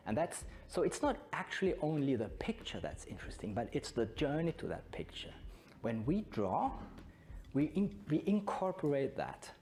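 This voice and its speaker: Speaking at a conference in a relaxed way, this Belgian-born Scrum trainer, who studied in Germany and spent many years in Brazil, keeps asking his listeners questions. He is middle-aged with a German accent, and his voice is fairly high with a darkish tone.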